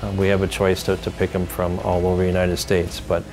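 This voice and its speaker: A man's voice: low voice, completely flat delivery, a little fast, music in the background. A man in his fifties, a company leader, speaking earnestly in a local TV interview with some fillers. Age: 50s.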